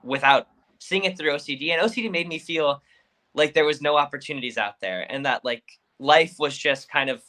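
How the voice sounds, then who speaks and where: A man's voice: fairly high pitch, fairly quick, sharp tone. A young adult man sharing personal experience as an interview guest, informal and earnest. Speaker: guest advocate, college student.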